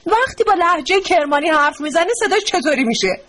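A woman's voice: very high voice, animated, fairly bright tone. A woman hosting an interview, asking questions in a polite, respectful way. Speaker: host.

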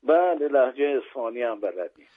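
A man in his seventies from Iran, a guest poet calling in, courteous and formal, reciting verses in a measured way. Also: mid-range voice, expressive. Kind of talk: phone-in chat and poetry recital. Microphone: telephone. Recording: phone line.

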